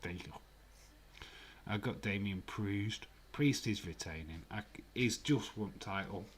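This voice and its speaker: A man with a Yorkshire accent, lowish-voiced and speaking at a measured pace, hosts a live stream over a faint hiss or hum. His chat is casual and teasing, full of laughter, with occasional drops to barely above a whisper.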